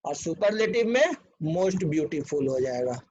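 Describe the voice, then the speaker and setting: A man's voice: fairly high pitch, expressive, slow pace, darkish tone. A man teaching an online English grammar lesson, spelling words out letter by letter and often checking whether his students follow. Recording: dull lo-fi recording.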